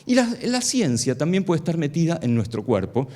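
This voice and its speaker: A man's voice: on the high side, sing-song, moderate pace, warm tone. A middle-aged man giving a playful live science talk on stage, asking the audience a stream of questions. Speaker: science lecturer.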